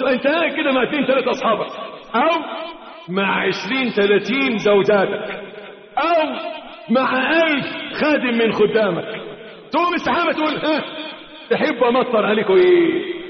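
A man with an Egyptian accent preaching a mosque sermon, telling stories dramatically and acting out the quotes in colloquial asides. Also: very high voice. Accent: Egyptian Arabic. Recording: echoey dull hall recording.

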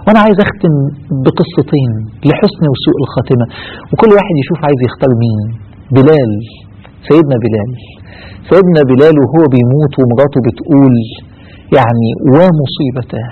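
A man's voice: medium pitch, expressive, fast, long pauses, slightly rough, phone-quality sound. A man with an Egyptian accent preaching a sermon, telling stories with passion. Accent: Egyptian Arabic. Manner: impassioned storytelling.

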